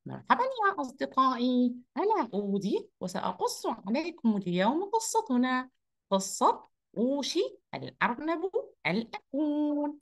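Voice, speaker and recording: A woman's voice: high voice, moderate pace, full character voice. Woman voicing Oudi, a cheerful rabbit. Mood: storytelling. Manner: lively, upbeat, speaks to children. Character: cheerful energetic male rabbit storyteller. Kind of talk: children's online lesson role-play.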